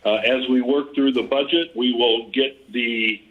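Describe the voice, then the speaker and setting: A man's voice: medium pitch, a little slow. Man heard over a tinny speakerphone. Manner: steady, businesslike, with frequent "uh" fillers. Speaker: chair of a village board meeting. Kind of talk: reading a report at a public meeting. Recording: tinny speakerphone played into a room.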